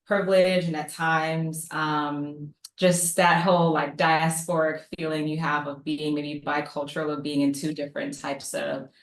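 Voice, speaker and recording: A woman's voice: deep voice, level tone, a little slow, hardly any pauses. A woman in her thirties from the United States, a psychologist guest chatting casually on a video call, with fillers and laughing asides. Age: 30s. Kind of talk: casual panel talk. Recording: echoey room on video call.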